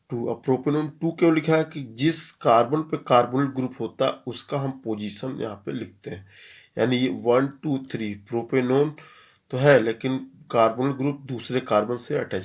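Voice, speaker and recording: A man talks through a chemistry lesson in a mid-range voice. He moves step by step, repeats each key term, and poses questions that he answers himself. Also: mid-range voice. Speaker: chemistry teacher. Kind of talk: classroom lecture.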